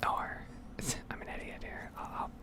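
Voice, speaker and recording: This is a breathy, heavy whisper from a woman right up against the microphone, her casual rambling full of hesitation as in ASMR gameplay content. She speaks a little slowly.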